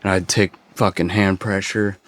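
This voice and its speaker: A man on a podcast, a former forest ranger, casually telling a story with frequent swearing and halting restarts. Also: sits low, flat delivery, slight background noise.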